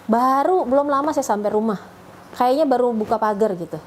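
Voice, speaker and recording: A woman's voice: a little high, a little fast, a little hiss or hum, poor audio. A middle-aged woman, telling her story as a mother in a personal testimony, emotional and acting out what others said. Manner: emotional, acts out quoted speech in a raised voice. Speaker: mother sharing a faith testimony.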